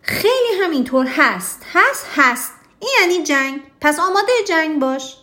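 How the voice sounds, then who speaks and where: Woman reading a fussy, stubborn storybook king: raised, insistent, high and lively, in an echoey room. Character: proud stubborn storybook king, grown man. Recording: roomy echo.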